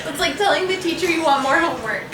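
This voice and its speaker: A woman's voice: extremely high pitch, animated, fast, background noise. A woman chatting casually with friends, playful and wisecracking, as co-host of a video. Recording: roomy echo, distant mic, music behind.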